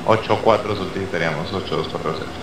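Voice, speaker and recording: A man with a fairly low voice talks as a pilot over the radio. He makes brisk, matter-of-fact requests. The channel rings hollow and carries a clear layer of noise. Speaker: airline pilot. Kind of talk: radio phraseology. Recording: echoey, noisy radio channel.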